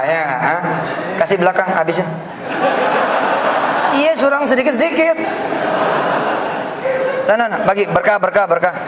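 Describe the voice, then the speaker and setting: A man with a Jakarta Indonesian accent preaching a lively sermon in a mosque, joking and bantering with the crowd in casual slang. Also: high-pitched. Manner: animated, jokey, slangy, banters with the audience. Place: mosque hall. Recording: echoey hall, faint background noise.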